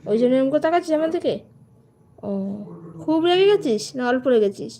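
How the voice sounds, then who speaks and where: A woman with a high voice plays with a small child. She teases and coaxes in a mock-whiny tone, like casual chat on a live stream. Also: lively intonation, a little fast, dark tone, slight background noise. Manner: teasing, coaxing, mock-whiny. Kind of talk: playful teasing chat with a toddler.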